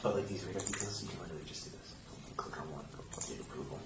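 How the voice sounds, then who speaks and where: A man's voice: low voice, expressive, racing, vocal fry. A man working as a police officer, casually walking a colleague through a task step by step and often checking with "right?". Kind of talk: casual hands-on instruction. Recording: roomy, noisy, distant body camera pickup.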